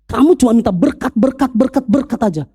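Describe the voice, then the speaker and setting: The Holy Spirit , voiced by a male preacher, speaking low and slow with stern, repeated words. The voice stays mellow and unhurried. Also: expressive, breathy edge, heavily acted.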